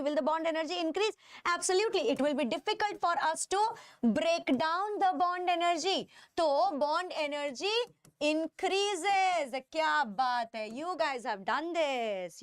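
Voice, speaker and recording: A woman's voice: very high-pitched, no room sound, clean studio sound. A woman with an Indian accent teaching a live lesson as a teacher, repeating phrases and questions emphatically to check that students follow. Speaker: chemistry teacher. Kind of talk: live online lecture to students.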